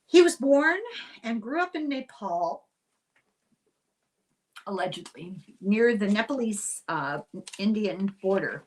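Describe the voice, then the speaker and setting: A woman's voice: medium pitch, lively intonation, takes it slowly, pauses often, darkish tone, low-quality recording. Older Irish woman, host of a casual explainer. Chatty and wry, prone to tangents. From Ireland. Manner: chatty, wry, digressive asides.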